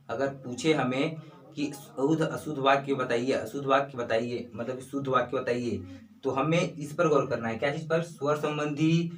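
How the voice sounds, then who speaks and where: A man's voice: medium pitch, fairly bright tone, echoey room, distant mic, low-quality recording. A young man teaching a casual online grammar lesson, chatty, often asking himself questions and repeating his examples.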